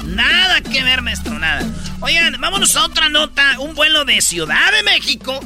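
Un hombre con acento mexicano que conduce un programa de charla con noticias en broma, contando historias con mucha jerga y haciendo las voces de los personajes. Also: male voice, extremely high pitch, moderate pace, over music. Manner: animated storyteller, slangy, acts out characters. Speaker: host. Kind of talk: casual comedic news chat.

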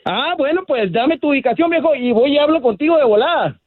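A man's voice: extremely high pitch, animated, a little fast, no room sound. A man on a phone call, blunt and demanding. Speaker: prank call victim. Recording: dull phone line.

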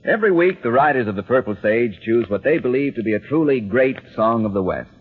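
A man's voice: mid-range voice, lively intonation, fairly quick, slightly rough. A man with an American accent announcing in the style of an old 1940s radio show. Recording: muffled old radio recording, music behind. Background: music.

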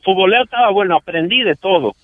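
A man's voice: high-pitched, expressive, fast, no room sound, phone-quality sound. A man chatting casually as a guest on a call. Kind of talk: casual chat.

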